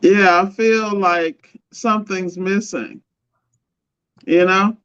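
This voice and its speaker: A woman's voice: medium pitch, steady tone, slow pace, fairly bright tone, smooth. Woman, remote co-host, upbeat, emphatic, buzzy glitchy call audio, muffled lo-fi line. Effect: buzzy, glitchy video-call audio. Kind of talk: casual live-stream chat. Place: remote location.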